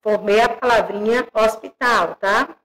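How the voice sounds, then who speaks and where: A Brazilian woman teaching young children, spelling out syllables slowly and checking in with the class. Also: mid-range voice, a bit bright, low-quality recording. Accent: Brazilian Portuguese. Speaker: primary school teacher.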